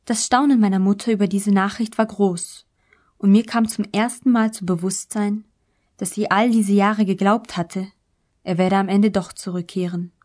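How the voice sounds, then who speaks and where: A woman narrating a literary novel in the first person, in a measured, calm audiobook reading. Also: mid-range voice.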